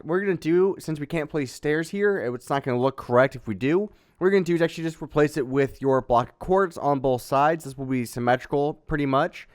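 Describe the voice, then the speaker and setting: A man casually narrating a step-by-step building tutorial in a relaxed, chatty way, with fillers and little sound effects. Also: a little high, smooth. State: has the hiccups. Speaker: Minecraft building tutorial host.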